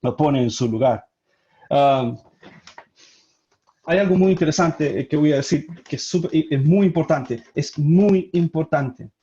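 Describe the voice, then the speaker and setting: A man preaching a sermon as pastor, with emphatic delivery that slows down for key points. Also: on the high side, mellow. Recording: dull lo-fi recording.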